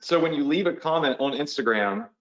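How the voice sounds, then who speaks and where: A man's voice: a little high, animated, brisk, roomy sound, dull audio. A man hosting a live online training, casual and chatty, walking viewers through steps and checking in with them often. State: has the hiccups. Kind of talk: casual live webinar walkthrough.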